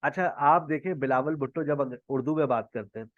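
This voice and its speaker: A man from Pakistan, a native Punjabi speaker, teaching spoken English in an online class over a video call, slowly quizzing his students and modeling English phrases. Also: mid-range voice, dry recording. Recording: dull lo-fi online call audio.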